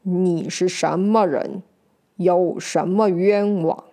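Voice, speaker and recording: A stern male judge from an old story, slow and loud, barking out demands in a lowered voice, as a woman puts him on. He is upright and unbending. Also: fairly even intonation. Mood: questioning.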